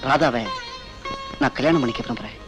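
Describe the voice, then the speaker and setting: A man's voice: mid-range voice, brisk, over music, natural voice. An actor playing a young man who respectfully asks his elder's consent to marry. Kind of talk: film drama acting.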